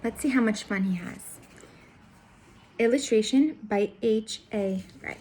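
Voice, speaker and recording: A woman's voice: a little high, unhurried, warm tone, breathy edge, poor audio. A woman reading a picture book aloud to young children as a teacher would, expressively and with questions put straight to the listeners. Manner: addresses young listeners directly with guiding questions. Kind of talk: children's read-aloud storytelling.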